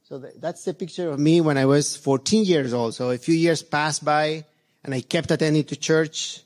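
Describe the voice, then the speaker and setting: Speaking in a voice on the high side, a middle-aged Chilean man, an elder of his church, offers his congregation an earnest reflection that halts often, with many fillers and restarts.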